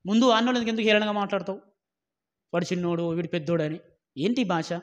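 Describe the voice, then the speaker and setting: A man with a high voice delivers an emphatic sermon. He scolds his listeners and keeps firing rhetorical questions at them. He swings from loud exhortation down to low, quiet warnings. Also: fast. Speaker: preacher.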